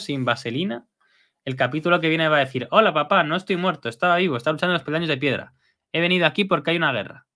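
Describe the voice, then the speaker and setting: Chatty guy breaking down an episode, bright voice, bouncy pitch. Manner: chatty, lively, with frequent fillers and tag questions. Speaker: video host.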